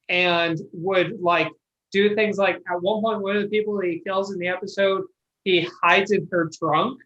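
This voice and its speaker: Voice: medium pitch, fairly bright tone, muffled recording. A podcast panelist in casual chat, enthusiastic and rambling, swearing freely while retelling something.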